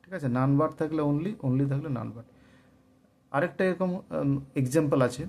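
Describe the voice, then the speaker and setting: A man with a Bengali accent teaching English grammar, asking and answering his own questions and slowly dictating example sentences. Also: a little high, vocal fry, darkish tone. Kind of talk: grammar lesson explaining answers.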